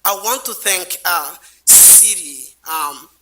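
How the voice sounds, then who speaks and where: A man giving a halting public comment at a city council meeting. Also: high-pitched, lively intonation, very noisy. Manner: halting, many fillers.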